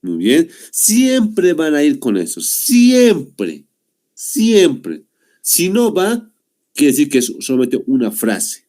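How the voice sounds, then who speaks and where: Teaching over a video call, a young man speaks slowly in a mellow, high-leaning voice whose pitch swoops wildly. It's an online class in which he explains patiently, repeating "muy bien" and checking in with "¿no?" after each point.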